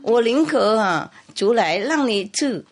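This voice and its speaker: A woman doing a squeaky pleading mouse. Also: lively intonation, a little slow. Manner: squeaky, giggling, wheedling. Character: small cheeky pleading drunk mouse.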